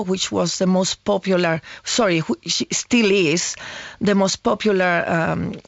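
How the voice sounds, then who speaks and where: Lady in her 60s, slow halting english, dry dull sound. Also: medium pitch, no echo. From Chile. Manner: halting, searching for words. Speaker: guest. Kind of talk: casual interview talk.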